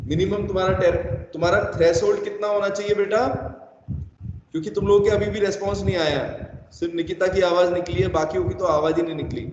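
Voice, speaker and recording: A man's voice: high voice, steady tone, fast, darkish tone. A man teaching an online chemistry class, sternly scolding students for not replying and missing homework. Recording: echoey, dull online call audio with noise.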